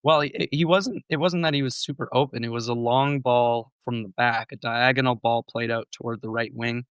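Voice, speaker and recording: Recovering from a cold, this male podcast co-host offers measured, thoughtful breakdowns of match plays on a casual sports show. He speaks at a medium pitch with fairly even intonation and a slightly bright, clean tone, with no room sound.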